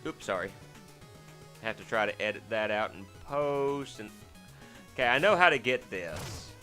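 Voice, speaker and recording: Here a let's play host sounds animated yet unhurried, his fairly deep voice pushed and bright. He rambles casually about his game with plenty of fillers, restarts and self-deprecating remarks, yelping when startled. Game music sits faintly underneath.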